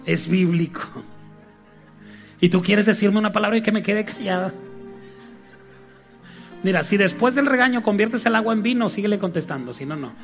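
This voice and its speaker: Male preacher: high, gravelly voice, playful and engaging, leads the congregation in call-outs, faint music behind. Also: normal speed, long pauses. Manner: humorous, lively, prompts the congregation to repeat lines. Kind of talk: sermon.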